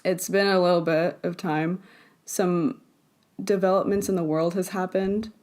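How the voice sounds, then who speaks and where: A woman hosting a casual podcast chat. Her voice sits slightly low. She talks in a loose, hesitant way, with fillers and quick laughs between her thoughts. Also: fairly even intonation, darkish tone. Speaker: podcast host.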